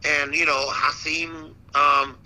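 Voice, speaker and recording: A man who works as a ring announcer, chatting casually as an interview guest and telling stories in a slangy, animated way. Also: fairly high pitch, slow pace, rough recording. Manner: slangy, animated storytelling with repeated "man" and "dude". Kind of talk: casual chat.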